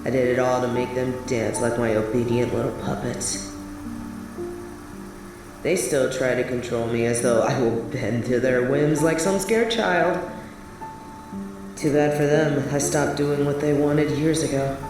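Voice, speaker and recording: A voice actress plays a young adult biker in an audio drama, delivering a scripted roleplay monologue as she wistfully and defiantly confides memories on a date. Her middle-pitched voice is steady, a little slow, bitter and defiant. She sounds distant from the mic, with very heavy echo and music behind her.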